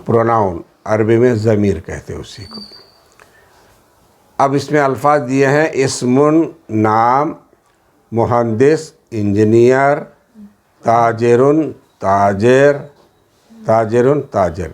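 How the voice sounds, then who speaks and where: A man with a Hyderabadi Urdu accent teaching a classroom lesson, repeating each word and its meaning in a steady drill with English words mixed in. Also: medium pitch, pauses often. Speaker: Arabic teacher.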